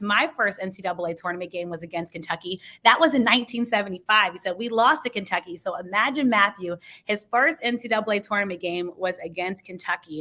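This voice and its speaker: A woman's voice: medium pitch, bright, forceful tone. A woman hosting a sports talk radio show, asking an interview guest questions with enthusiasm.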